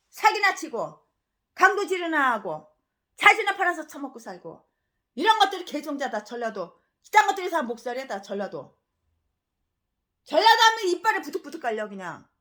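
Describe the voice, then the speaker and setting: A fiery woman pastor in her sixties preaches in a high, bright voice. Her pitch leaps and falls widely as she rants with scorn, throws out rhetorical questions and drops from loud outbursts to low muttering. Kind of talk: preaching a sermon.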